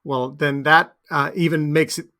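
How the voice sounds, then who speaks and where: A man co-hosting a podcast, talking about an album in a relaxed, conversational way with plenty of fillers. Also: a little high, unhurried. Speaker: podcast co-host. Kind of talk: casual music chat.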